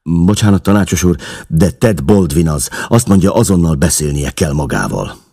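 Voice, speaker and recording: A man's voice: sits low, lively intonation, creaky, dark tone, slightly rough, voice pushed up, heavily acted. A man voicing a flustered barman who speaks in an apologetic, urgent way.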